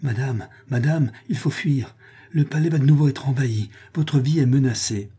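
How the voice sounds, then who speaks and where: A man's voice: medium pitch, normal speed, warm tone, breathy edge, voice pushed up. A man reading aloud, voicing a frightened loyal palace servant with urgent, pleading warnings.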